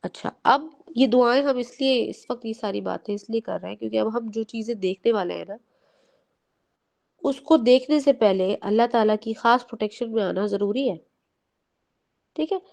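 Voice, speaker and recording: A woman teaching a group of children in Urdu with an English-mixed Pakistani accent, explaining gently and often checking with them. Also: a little high, creaky. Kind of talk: lesson for children.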